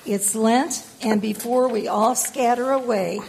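A woman's voice: on the high side, measured pace, gravelly, a little mellow, slight background noise. A woman playing a firm, busy grandmother in an amateur church skit, insisting on family devotions.

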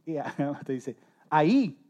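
Male preacher, voice a touch high, animated and humorous storyteller. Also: quick pace, lo-fi sound. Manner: talks straight to listeners with direct questions. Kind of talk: sermon.

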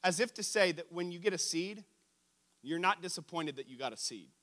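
Bright-voiced preaching man. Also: high-pitched, a little fast. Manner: animated preaching, asks the congregation questions. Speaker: pastor. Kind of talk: sermon.

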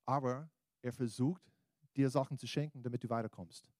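An American man, a native English speaker whose American accent carries into German, delivers an informal evangelical sermon as a preacher or pastor, exhorting listeners directly in colloquial language. His voice is medium-pitched, fairly even, a little fast and a little mellow. The recording is dry and clean, with studio quality.

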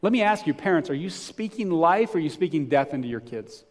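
A man's voice: on the high side, big pitch swings, fast. A man preaching a sermon as pastor, talking conversationally, with rhetorical questions and frequent restarts.

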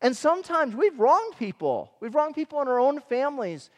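A middle-aged man from Michigan delivers a conversational sermon, sliding easily into personal stories and animated asides. His voice sits high for a man. The sound carries a long reverb, as in a large church hall. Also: normal speed, highs cut off. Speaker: pastor.

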